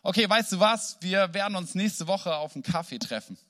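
Preacher doing a confused polite pastor, kinda hesitant, higher voice. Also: male voice, expressive, brisk, bright, forceful tone. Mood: puzzled. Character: puzzled friendly male pastor.

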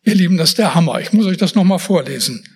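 A man's voice: high-pitched, expressive, quick pace, breathy edge. A man preaching a sermon, emphatic and speaking straight to his listeners with casual asides.

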